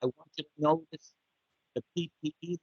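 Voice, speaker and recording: A man's voice: fairly high pitch, fairly even intonation, normal speed, a little mellow, breathy edge, no echo. A man giving a hazmat webinar briefing over a computer microphone, his audio cutting out, speaking plainly with frequent restarts. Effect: audio keeps cutting out. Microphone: computer microphone on a video call. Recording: dull, dropping-out online call audio.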